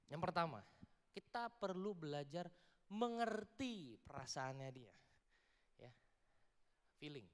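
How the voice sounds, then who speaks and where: A man's voice: on the high side, lively intonation, slow, pauses often. Playful man preaching in an echoing hall. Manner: playful and joking, quizzing the crowd, mixing in English words. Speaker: youth preacher. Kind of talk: casual youth sermon with audience interaction. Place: large church hall before a youth audience. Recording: long echoing hall reverb.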